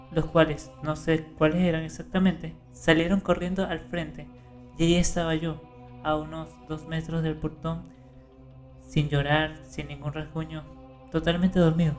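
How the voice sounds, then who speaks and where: Man narrating horror stories over faint music. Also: on the high side. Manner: calm storytelling, rising for tense moments.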